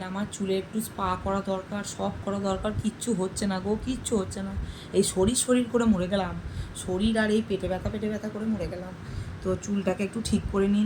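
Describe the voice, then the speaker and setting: A woman in her thirties with a West Bengal Bengali accent, chatting to her viewers in a home vlog and often repeating herself. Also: medium pitch. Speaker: home vlogger. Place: home kitchen. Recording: running tap noise in kitchen.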